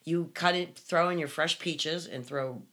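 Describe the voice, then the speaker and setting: Low-voiced chatty woman podcaster. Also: a little slow, fairly bright tone. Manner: chatty, with many ums and restarts. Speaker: podcast co-host. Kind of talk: casual chat.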